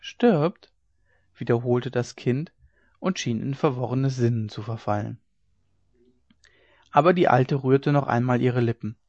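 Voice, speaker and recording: A man narrates a classic story in a measured, dramatic manner, his voice at a middle pitch. The recording is dull and lo-fi, close and dry with no room echo. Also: steady tone, a little mellow. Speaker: audiobook reader. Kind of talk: scripted narration of a classic novella.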